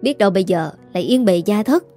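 A woman narrating a family story in a steady, dramatic telling. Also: mid-range voice, fast. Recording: dry, faint music behind.

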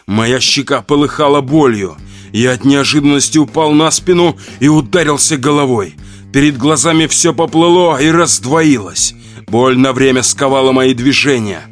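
A man's voice: mid-range voice, moderate pace, soft background music. A man reading a first-person horror audiobook in a somber, tense storytelling manner. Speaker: audiobook narrator.

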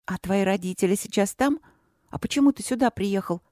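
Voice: mid-range voice, brisk, a little mellow, dry recording, studio quality, lightly acted. A reader voicing a pushy, talkative young princess in an audiobook, eager and pleading. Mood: indignant. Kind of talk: audiobook character voice.

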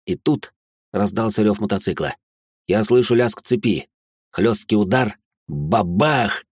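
A man's voice: lowish voice, measured pace, husky, no room sound, clean studio sound. A man narrating a tense, action-filled story in the first person.

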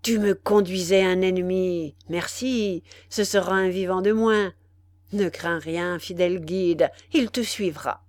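A woman's voice: lowish voice, unhurried, darkish tone, dry recording, lightly acted. A woman voicing a small, menacing wild man who speaks in a grim, mocking, threatening way.

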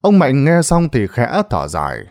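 A man narrating a ghost story in a dramatic, expressive storytelling manner. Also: mid-range voice, moderate pace.

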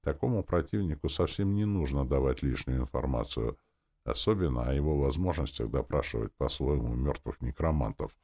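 A man's voice: very deep voice, animated, warm tone, exaggerated voice. A man voicing a stern, kind woman teacher. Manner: composed, measured. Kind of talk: audiobook reading.

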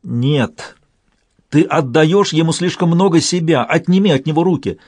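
Мужчина изображает встревоженного настойчивого спутника. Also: male voice, mid-range voice, expressive, a little slow, slightly rough, dry recording, clean studio sound. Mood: urgent. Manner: urgent, raised. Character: anxious devoted male companion, pleading.

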